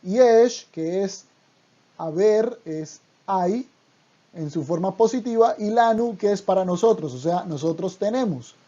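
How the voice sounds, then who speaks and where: Language teacher, very slow deliberate delivery, mellow dark tone, dull lo-fi recording. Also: mid-range voice, lively intonation. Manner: slow, deliberate, repeats each word twice. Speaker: Hebrew teacher. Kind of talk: online language lesson.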